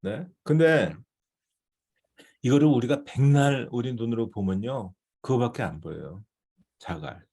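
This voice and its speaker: A man's voice: medium pitch, unhurried, long pauses, warm tone, breathy edge. A male missionary teaching a devotional seminar in a conversational way, often checking in with his listeners.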